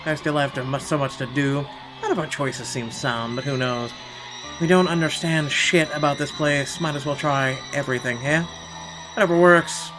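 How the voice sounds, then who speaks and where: With game music playing behind him, a man reads a visual novel's narration aloud expressively and dramatically as he plays, adding offhand, sweary remarks. His voice is on the high side and moves at normal speed, and the recording is rough.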